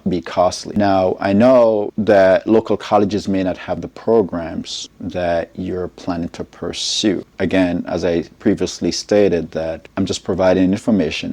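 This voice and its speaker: A middle-aged man from Jamaica, a college educator giving a measured, explanatory advice talk and often checking in with his listeners. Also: deep voice, creaky, a little mellow. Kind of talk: informational advice talk to camera.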